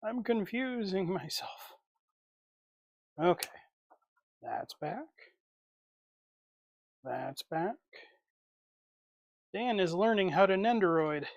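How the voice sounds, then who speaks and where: A man's voice: sits high, animated, slow, creaky, long pauses, no echo, dull audio. Man muttering while he works. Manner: rambling, talks to himself as he works. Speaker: livestream host. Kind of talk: casual live chat while swapping figure parts.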